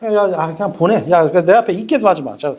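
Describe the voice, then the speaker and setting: A man's voice: high voice, quick pace, darkish tone. A man playing a stern, mocking God who brushes off sinners, in a brusque tone. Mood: scornful. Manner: scornful, brusque.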